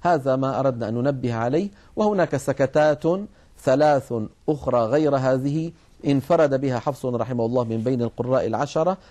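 A man with a mellow, warm voice teaches the rules of Quranic recitation in a measured, explanatory way. He speaks at a mid pitch and stretches out words slowly whenever he demonstrates a passage.

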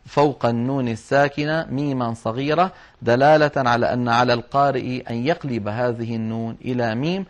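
Man teaching, chanting examples slowly. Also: medium pitch. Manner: patient step-by-step explaining, chanting examples slowly. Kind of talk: explanatory lesson on Quran orthography marks.

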